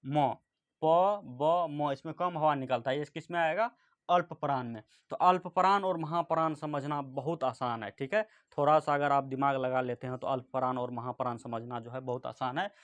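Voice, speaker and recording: A man teaching a grammar lesson at a board, speaking slowly and repeating each point and checking in with the class often. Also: a little high, fairly bright tone, no room sound.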